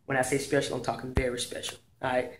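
A man in his thirties excitedly showing off home gym gear in his garage, talking casually into a phone held at arm's length. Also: medium pitch, fast talker, a little hiss or hum. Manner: excited, chatty, slangy. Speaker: fitness vlogger. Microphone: phone camera at arm's length.

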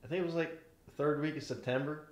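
A man's voice: fairly high pitch, fairly even intonation, fast talker. A man chatting casually with friends, easygoing and poking fun at himself. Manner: easygoing, self-deprecating. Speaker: angler friend. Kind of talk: casual chat. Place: living room, indoors. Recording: roomy echo.

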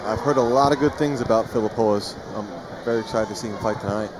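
A man's voice: fairly low pitch, fast. A man giving conversational colour commentary during a live fight. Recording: loud crowd noise behind commentary. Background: loud arena crowd.

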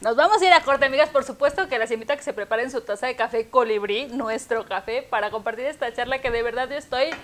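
A Mexican woman hosting a talk show, with a somewhat high voice. She answers her guest with short, agreeing replies and leads the show into its breaks. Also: fast talker, few pauses. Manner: warmly agreeing, short back-channel replies.

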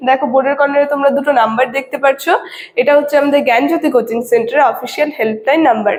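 High-voiced woman teaching in an echoey room. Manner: explains step by step, often checks in with 'okay'. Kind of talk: classroom lecture to students. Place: classroom with a board. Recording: echoey room with long reverb.

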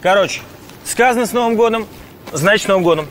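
A man's voice: sits high, quick pace, slight background noise, close to an everyday voice. An actor playing a cocky man with a curt, slangy, dismissive manner.

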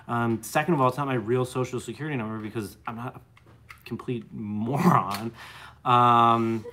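A man's voice: mid-range voice, moderate pace, bright, forceful tone. A man in his late thirties chatting casually on a home live stream, joking and reading viewer comments aloud. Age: late 30s. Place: bright living room at home. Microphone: phone camera close up.

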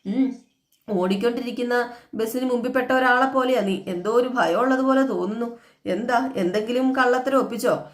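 A woman's voice: fairly high pitch, moderate pace, close to an everyday voice. A woman voicing a suspicious middle-aged husband who keeps probing his wife. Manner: probing, teasing. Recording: echoey room.

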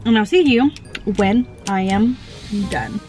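A woman's voice: medium pitch, takes it slowly, darkish tone, soft background music. A young woman in her twenties chatting casually in a vlog, giggly and full of "like", filmed on a handheld phone. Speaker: beauty vlogger. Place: in a car and out on errands.

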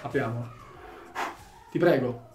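A man commentating as he opens game packs, swinging from shouted excitement to low muttering. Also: slow, echoey room, loud music behind the voice. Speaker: gaming YouTuber opening packs.

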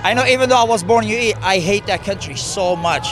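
A man's voice: high voice, quick pace, over music. A young man of Palestinian family, interviewed outdoors at a rally, giving blunt, emphatic opinions. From Palestinian family, born in the UAE. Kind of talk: street interview. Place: outdoor rally on a park lawn.

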